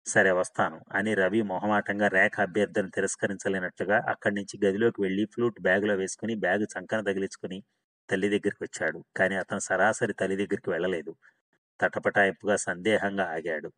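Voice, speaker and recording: Low-voiced man narrating a novel. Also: level tone, a little fast, a bit bright. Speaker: audiobook narrator.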